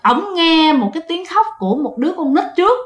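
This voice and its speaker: Speaking to her audience directly, a woman narrates a ghost story in an easygoing, chatty way. Her voice is very high-pitched with big pitch swings and a fairly quick pace, heard in a roomy, echoing space.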